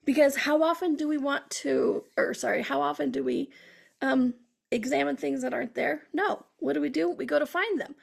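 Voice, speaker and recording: A woman's voice: sits high, normal speed, creaky. A woman hosting a casual solo podcast as a coach, chatty, laughing often and acting out her clients' lines.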